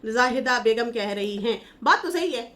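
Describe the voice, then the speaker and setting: A woman's voice: a little high, lively intonation, moderate pace, a bit bright. Chatty, scolding woman commentator. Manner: chatty, scolding, laughs while mocking. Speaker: YouTube commentator. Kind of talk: casual commentary reading viewer comments.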